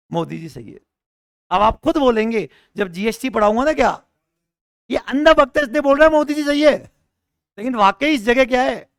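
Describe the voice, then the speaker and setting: A man teaches a tax class, his voice pitched high with a gravelly edge and a sore throat. He keeps quizzing the students with rhetorical questions and playful arguments. The sound is dry and close, with little room echo. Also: a bit bright. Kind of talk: classroom lecture.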